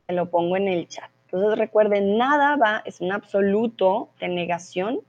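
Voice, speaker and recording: A woman's voice: mid-range voice, expressive, normal speed, lo-fi sound. A woman teaching a live online class, patiently explaining grammar with repeated example sentences. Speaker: Spanish teacher. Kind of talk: live online language lesson.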